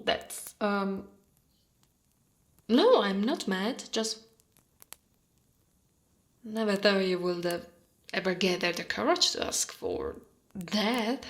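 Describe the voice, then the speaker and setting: In an intimate ASMR roleplay, a woman from Italy, Italian being her first language, portrays a short female orc guard with an exaggerated, mid-range voice. She's doting and gently dominant, keeping things soft and breathy and slipping at times into whispers.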